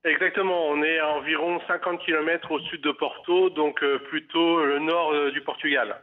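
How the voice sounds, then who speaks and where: A man's voice: fairly high pitch, steady tone, moderate pace. Hesitant man on a tinny phone line. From Paris, France. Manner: hesitant, many fillers and restarts. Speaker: caller. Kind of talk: phone interview. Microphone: telephone.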